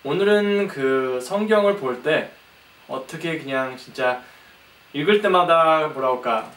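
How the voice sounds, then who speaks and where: A young man preaches from prepared notes in halting, hesitant speech with frequent pauses. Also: on the high side, a bit bright. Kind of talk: sermon, reading from prepared notes. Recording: echoey room, distant mic, faint noise.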